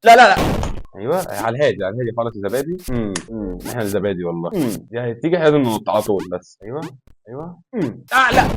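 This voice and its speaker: A young man with an Egyptian accent giving excitable let's play commentary, talking to himself and the game and yelling in frustration. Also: mid-range voice, slight background noise. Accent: Egyptian Arabic. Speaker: gaming YouTuber.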